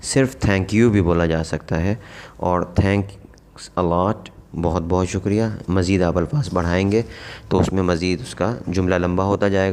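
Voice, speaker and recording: A man explaining an English lesson patiently, repeating example words slowly for practice. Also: low-pitched, darkish tone. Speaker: English teacher.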